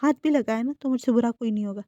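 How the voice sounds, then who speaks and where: A woman's voice: on the high side, rapid-fire, warm tone, dry recording, muffled recording, lightly acted. A woman voicing a sulky, stubborn young male college student who talks in a snappish, bossy way. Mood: defiant.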